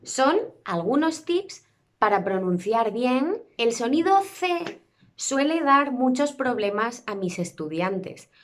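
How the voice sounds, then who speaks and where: Slow, lively Spanish teacher, woman. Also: on the high side. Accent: Spain Spanish. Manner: slow, careful modeling of sounds. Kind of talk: pronunciation lesson.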